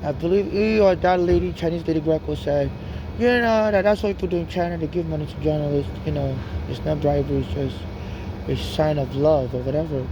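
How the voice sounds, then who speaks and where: Low-pitched and brisk, a Nigerian woman with a mixed Nigerian and American accent pours out an urgent, rambling street monologue riddled with restarts and "you know." The background is noisy.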